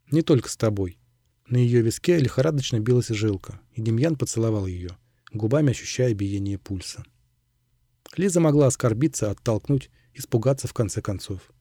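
Deep-toned male audiobook narrator. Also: husky, no room sound, clean studio sound. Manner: calm, measured storytelling.

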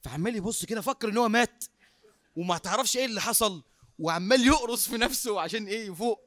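Fast-talking Egyptian preacher, high voice. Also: male voice, no room sound. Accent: Egyptian Arabic. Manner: animated storyteller, acts out dialogue, laughs often. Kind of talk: sermon storytelling.

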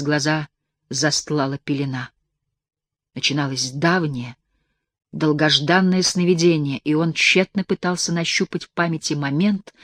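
A woman narrating a mystic story as an audiobook reader, with intense, hushed dramatic delivery. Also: low-pitched, no echo, clean studio sound. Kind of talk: audiobook reading of a mystic tale.

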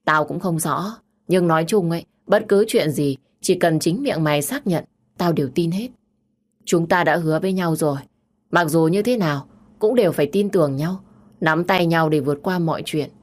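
A loyal young woman, voiced by a woman narrator consoles her friend in a low, coaxing voice. She speaks gently and keeps urging her to open up. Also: normal speed. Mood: comforting. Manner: warm, coaxing.

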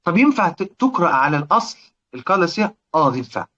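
A man with an Egyptian accent teaching a recitation lesson, often checking that his students follow and slowly chanting lines of verse. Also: a little high, big pitch swings, a bit bright, dull audio. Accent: Egyptian Arabic. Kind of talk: classroom lesson explaining verse.

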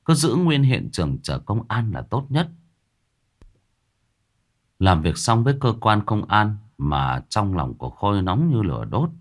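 A man narrating a ghost story in a dramatic, expressive way. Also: lowish voice, unhurried.

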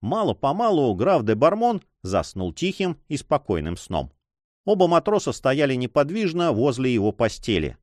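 A man narrating an audiobook story in an expressive storytelling manner. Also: medium pitch, moderate pace, no echo, clean studio sound. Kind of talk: scripted narration.

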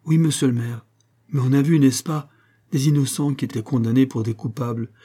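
A man's voice: medium pitch, fairly quick, mellow, natural voice. A man reading aloud voices a feverish, dying young country woman who speaks earnestly and breathlessly. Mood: pleading.

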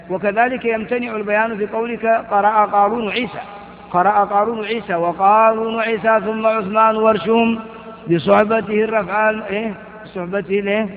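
Older man lecturing on grammar, tinny hall sound. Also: sits high. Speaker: teacher of Arabic grammar. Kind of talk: recorded lecture explaining a grammar text. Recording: tinny phone-like sound with long hall reverb.

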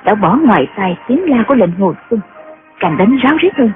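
A woman's voice: medium pitch, sing-song, a little fast. Woman narrating a martial-arts novel. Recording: tinny phone-like sound with loud music.

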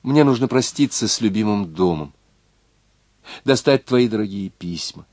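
A man with a low voice reading a novel aloud, voicing a passionate young noblewoman devoted to her lover. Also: lively intonation, normal speed, a little mellow, dry recording, close to an everyday voice. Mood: tender. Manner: fervent, tender delivery.

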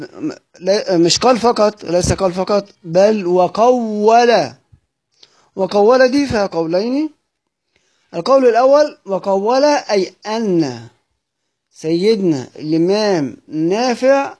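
A man with an Egyptian Arabic accent teaches Quran recitation rules from a classical text. He repeats phrases slowly, asks questions and answers them himself, and clears his throat often. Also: high voice, a little mellow. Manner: repeats words slowly, drawn out for emphasis.

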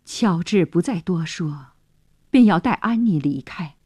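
Woman, radio storyteller, expressive dramatic narration, animated pitch, dry studio sound. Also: unhurried, slightly rough, no echo.

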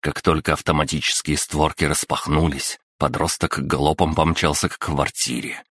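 A man narrating an audiobook in a steady, expressive storytelling manner. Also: very deep voice, moderate pace, slightly rough, no echo, studio quality. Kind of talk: scripted narration.

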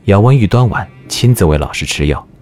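A man's voice: lowish voice, animated, a little fast, darkish tone. A man narrating a historical audio drama in a scripted, dramatic storytelling style. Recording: music behind the narration.

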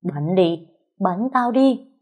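A woman voicing a cruel older woman villain in an audio story, shrieking taunts in a shrill voice. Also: lively intonation, a little slow, a little mellow. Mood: taunting.

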